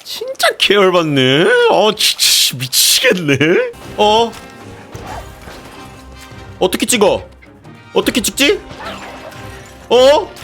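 A high-voiced man gives casual gameplay commentary, his pitch leaping all over as he grows excitable and yells in frustration. Loud game music plays behind him the whole time. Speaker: game streamer.

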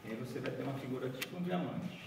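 A rapid-fire, mid-range male voice over background noise belongs to a man in his forties from Bahia, Brazil. He gives a chatty origami workshop to a seated group in a large conference room, walking, folding paper and checking in with "né?" and "certo?". He is recorded from a distance in an echoey hall by a room camera, with no mic visible.

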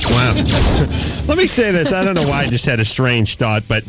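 Wry man hosting lively radio banter. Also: mid-range voice, moderate pace, noisy background. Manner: wry, musing asides with frequent laughs. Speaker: host. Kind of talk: comic talk radio banter. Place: radio studio.

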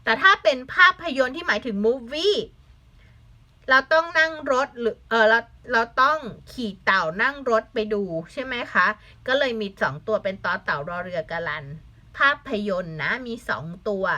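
A woman's voice: fairly high pitch, lively intonation, normal speed, pushed and bright. A young woman teaching a language lesson to children, patiently spelling words letter by letter, asking the class questions and adding English glosses.

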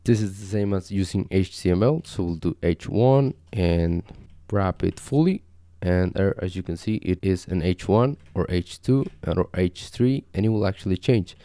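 A young man from Costa Rica hosting a casual screen-share coding tutorial, talking in a relaxed, conversational way with frequent fillers. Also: low voice, moderate pace, no echo. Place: small home desk setup indoors.

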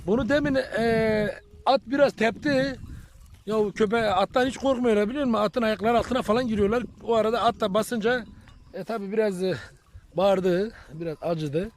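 A man's voice: high voice, normal speed, slight background noise. A man, a shepherd, chatting to viewers in a casual vlog while herding his flock, filmed on a handheld phone outdoors. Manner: chatty, addresses viewers as friends, calls loudly to animals. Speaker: shepherd vlogger. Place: outdoors in open countryside with sheep and goats.

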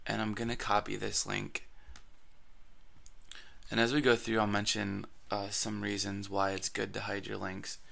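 In this screen-recorded blogging tutorial, the male host sounds raspy because of allergies and talks loosely, full of fillers and false starts. His fairly low voice stays completely flat at a measured pace, pushed and bright.

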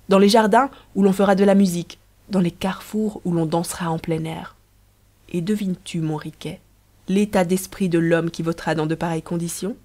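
A woman's voice: mid-range voice, natural voice. A woman reading as a playful scheming young empress. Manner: lively, persuasive, teasing.

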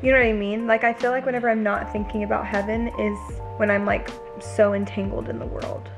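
Over background music, a woman in her twenties talks casually to the camera at home, moving between her kitchen and the living room couch. She's a lifestyle vlogger with a mid-range voice that barely shifts in pitch, speaking fairly quickly and earnestly, her casual vlog chatter peppered with "like" and "you know."

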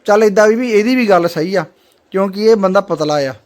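A man hosting a prank video, teasing and coaxing his friend in comic banter. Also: fairly quick. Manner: teasing, wheedling, switches between loud coaxing and low confiding tones.

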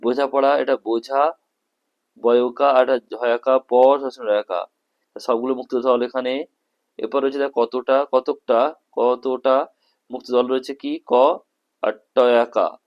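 Man tutor reading answers in halting phrases. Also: mid-range voice, fairly even intonation, dull audio. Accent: West Bengal Bengali. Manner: slow, halting, breaks sentences into short phrases; lists words one by one with stress. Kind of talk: reading exam answers aloud.

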